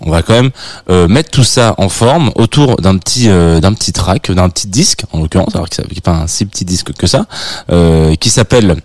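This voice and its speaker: A low-pitched male radio host talking casually on air from a studio microphone. He stumbles and restarts often, hunting for the right word. The sound is dry and close. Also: darkish tone, dry recording. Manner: hesitant, many restarts while searching for words. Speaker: radio host presenting records.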